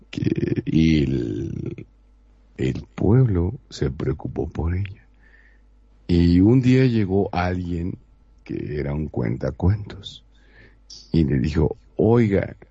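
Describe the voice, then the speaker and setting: Casting: deep, husky radio man, slow dramatic storyteller, dull dry sound. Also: warm tone, dry recording. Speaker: co-host. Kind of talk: casual radio chat, storytelling.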